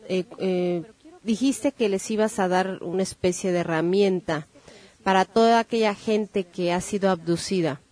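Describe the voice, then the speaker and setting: A woman, hosting a podcast and briskly steering her guest. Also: medium pitch, darkish tone. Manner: brisk, guiding the interview. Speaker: podcast host. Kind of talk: casual podcast talk.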